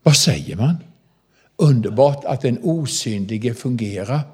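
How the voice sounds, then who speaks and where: Older man, prison minister, storytelling sermon, folksy, animated, middle-pitched voice. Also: breathy edge. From southern Småland, Sweden. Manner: folksy, animated, addresses listeners directly.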